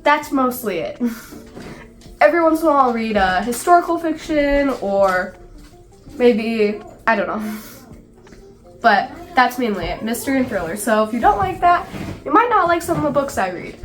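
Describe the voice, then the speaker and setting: A woman's voice: a little high, lively intonation, moderate pace, pauses often, fairly bright tone, faint music behind. A woman with a cold and a stuffed-up nose, chatting casually about books on her vlog in her small home library, filling her talk with "like". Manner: chatty, lots of "like" fillers. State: sick and stuffed up. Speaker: book vlogger.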